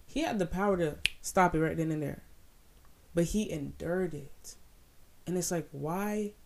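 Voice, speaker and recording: Devotional speaker, casual Bible talk; slow, gravelly delivery, fervent and repetitive. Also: medium pitch. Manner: fervent, repeats phrases for emphasis.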